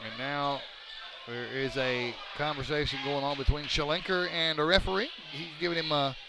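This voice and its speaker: High-voiced man calling basketball. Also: creaky. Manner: rapid excited calls that rise on big plays, joking banter in lulls. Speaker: play-by-play announcer. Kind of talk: live basketball commentary. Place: high school gym. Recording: noisy gym ambience.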